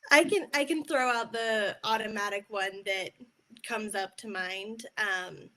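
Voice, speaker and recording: A woman volunteering in an online workshop, speaking quietly and easily over a video call. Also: medium pitch, a little slow. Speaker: volunteer participant. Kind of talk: casual video call chat.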